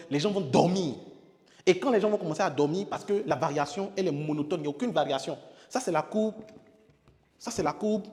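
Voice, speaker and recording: A man, a public speaking coach teaching with emphatic repetition. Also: a little high. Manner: emphatic, repeats key words, demonstrates with sudden loud exclamations. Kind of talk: spoken lesson on public speaking. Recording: long hall reverb.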